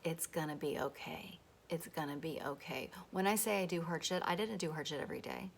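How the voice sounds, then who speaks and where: Self-help lady talking straight to camera, lowish voice, swears a lot, goes whispery sometimes, faint hiss behind. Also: a little fast, vocal fry. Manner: emphatic, profane, with soft whispered asides. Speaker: self-help author and video host. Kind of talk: motivational self-help monologue.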